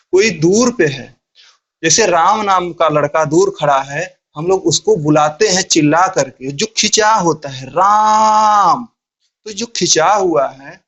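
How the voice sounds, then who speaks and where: A man teaching a grammar class, explaining step by step in a slow, deliberate way and asking questions that he answers himself. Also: high voice, a bit bright, muffled recording. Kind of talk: Hindi grammar lesson.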